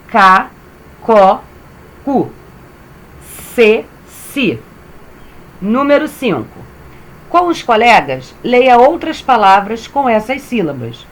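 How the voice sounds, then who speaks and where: A woman teacher with a Brazilian accent, giving a reading lesson to young children and sounding out syllables clearly. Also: mid-range voice. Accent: Brazilian Portuguese. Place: home, reading from a computer.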